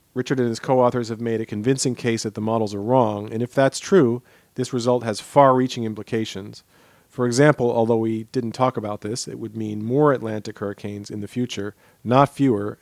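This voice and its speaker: A middle-aged man hosts an interview podcast, shifting between a prepared introduction and conversational questions for his guest. His voice sits on the low side with a darkish, steady tone, and he talks a little fast. The audio has no echo.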